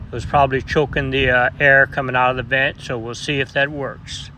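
In a casual repair vlog, a vintage outboard motor mechanic speaks in a mid-range voice with little pitch movement and a slightly fast pace, over very noisy audio. He narrates folksily and matter-of-factly, calling the motor "her," in the workshop and outdoors by the water.

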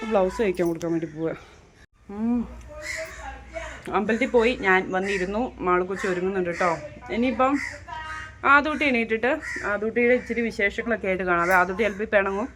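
A woman's voice: medium pitch, a little hiss or hum. Woman, casual walking vlog, chatty tag-question delivery, phone mic outdoors, faint ambience. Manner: chatty, keeps addressing viewers with tag questions. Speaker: vlogger. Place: outdoors walking along roads, then at home.

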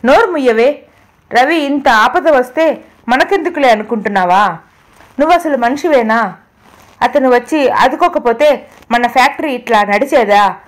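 Lady reading an anxious older dad begging for help on the phone, a bit high. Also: expressive, moderate pace, long pauses. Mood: angry. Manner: pleading, emphatic. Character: worried older man, a foster father.

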